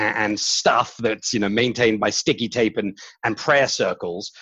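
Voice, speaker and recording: A man's voice: mid-range voice, breathy edge, no echo, dull audio. A male podcast guest and company chief executive, answering interview questions in a casual, self-deprecating way with fillers and restarts.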